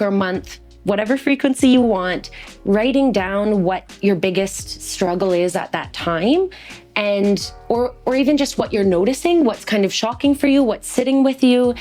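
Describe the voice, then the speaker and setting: This woman, a guest in an interview conversation, draws on her time as a teacher to give practical advice in a thoughtful way. Her medium-pitched voice is a little mellow and moves at a moderate pace, with faint music in the background.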